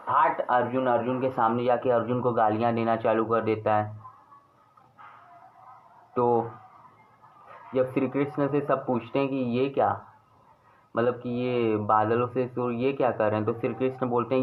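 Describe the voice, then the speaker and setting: A man casually retelling an epic story, acting out the quoted lines with lively energy. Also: medium pitch. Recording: tinny phone-like sound with faint ambient noise.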